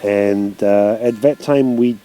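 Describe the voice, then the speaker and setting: Slow, mellow Italian-accented man. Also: fairly low pitch, soft background music. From Italy. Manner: halting, simple non-native English with many fillers. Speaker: interviewed traveler. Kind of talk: casual interview.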